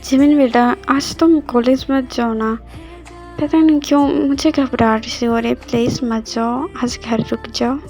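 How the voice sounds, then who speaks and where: A woman voicing a worried, gentle mother who anxiously pleads with her daughter, in an amateur voice drama. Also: fairly high pitch, fairly even intonation, a little slow, soft background music.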